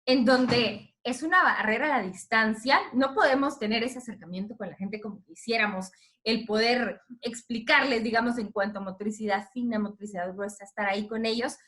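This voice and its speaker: A woman in her thirties speaks to a group of teachers with the lively, expressive manner of a radio announcer. Her voice sits a little high and rings bright. She tells her story with animated, changing emphasis. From Guatemala. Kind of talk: talk to teachers.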